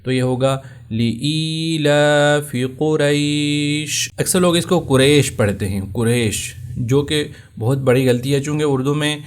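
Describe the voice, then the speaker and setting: Medium in pitch with a darkish tone, a man speaking with a Pakistani Urdu accent walks through common Tajweed mistakes. Afterward he recites verses in a slow, stretched-out manner.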